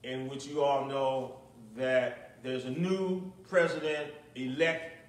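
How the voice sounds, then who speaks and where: A middle-aged man speaking as a pastor preaches, prays, and comments into a pulpit microphone, using short, deliberate, measured phrases. His mid-range voice keeps a fairly even intonation. The small, nearly empty church makes the sound echoey, and the mic is far away.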